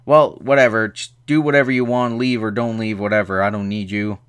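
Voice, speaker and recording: A man's voice: on the low side, level tone, brisk, fairly bright tone, smooth, close to an everyday voice. A man voicing a grumpy, dismissive male character while recapping a film, in an offhand tone.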